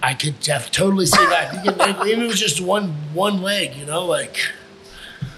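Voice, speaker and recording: A man's voice: high voice, normal speed, very noisy. A man who is a guest on a podcast, telling profane stories casually and acting out the lines of the people in them. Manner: profane, animated storyteller who acts out quotes. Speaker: podcast guest, fighter and wrestler. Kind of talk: casual storytelling chat.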